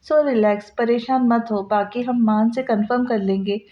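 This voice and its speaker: A female narrator voicing a caring young woman in a soft, reassuring way. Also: fairly high pitch, steady tone, moderate pace, dull audio, close to an everyday voice. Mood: tender.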